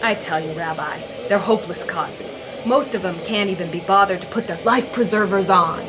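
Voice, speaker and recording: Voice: mid-range voice, moderate pace, close to an everyday voice. An actor playing a fussy, worried army sergeant with a folksy, complaining way of talking in an audio drama. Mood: grumbling, anxious. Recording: clear hissing noise behind.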